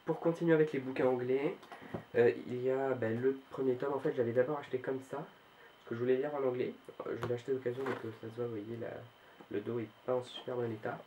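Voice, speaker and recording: Hesitant man with a flat voice. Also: medium pitch, fast, dull audio, slight background noise. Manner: hesitant, full of "euh" fillers and restarts. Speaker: book vlogger. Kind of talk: casual show-and-tell of a book collection.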